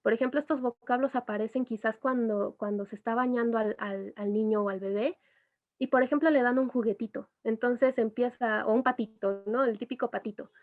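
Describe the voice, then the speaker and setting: A woman's voice: on the high side, steady tone, fairly quick. A woman, an educational psychologist, giving a patient explanatory talk full of little asides. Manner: patient, explains with asides and imitated baby sounds. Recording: tinny phone-like audio.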